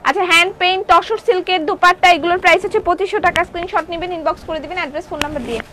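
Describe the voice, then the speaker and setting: A woman with a sore throat selling clothing live in a showroom. She chats quickly, reads viewer comments aloud and keeps repeating prices and how to order. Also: very high voice, background noise. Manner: chatty, lively, repeats prices and order steps. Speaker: online clothing seller.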